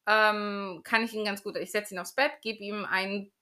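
A woman's voice: mid-range voice, little pitch movement, normal speed, pushed and bright. A woman in her thirties, a mother of three, co-hosting a casual chat podcast and talking in a chatty, agreeable way with fillers. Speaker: podcast co-host.

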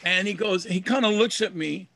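An older man, a musician, telling a long anecdote in casual chat, rambling and animated, acting out the dialogue as he goes. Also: high voice, normal speed, gravelly, dry recording. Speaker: musician guest. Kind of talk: casual storytelling.

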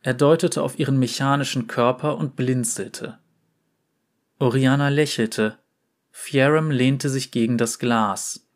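A man calmly narrating a storybook. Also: medium pitch, a little slow. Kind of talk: storybook reading.

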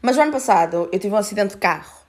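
A woman's voice: mid-range voice, expressive. Young Portuguese woman telling a story. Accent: European Portuguese. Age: 20s. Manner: rapid, filler-heavy, swears freely. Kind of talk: casual personal storytelling.

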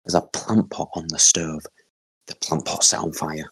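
Young lad, podcast co-host, deep husky voice, rambling and sweary. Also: male voice, level tone, normal speed, fairly bright tone, no echo. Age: young adult. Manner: rambling storyteller with lots of fillers and swearing. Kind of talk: casual chat and anecdote.

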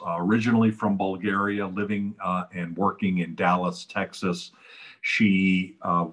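A man's voice: deep voice, fairly bright tone, husky. A man hosting a podcast, introducing his guest effusively and stumbling over words now and then. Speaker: podcast host. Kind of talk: interview hosting.

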